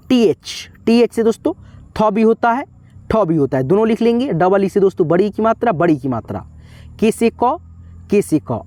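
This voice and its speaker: A man's voice: high-pitched, a little mellow, dry recording, studio quality. Patient man teaching letter by letter. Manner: repetitive, patient step-by-step spelling out; addresses viewers as friends often. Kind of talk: whiteboard lesson.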